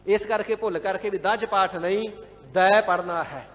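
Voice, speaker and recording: High-voiced man expounding scripture in a hall. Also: steady tone. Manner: devout, measured, repeats and glosses words, sometimes chants verses. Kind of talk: line-by-line scripture exposition sermon. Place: large gurdwara hall.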